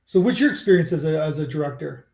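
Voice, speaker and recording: A man with a fairly high voice hosts a casual interview. He asks loose, wandering questions and often stops to look for the right word. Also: expressive, fast talker, darkish tone, reverberant. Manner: rambling, searching for words. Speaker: podcast host.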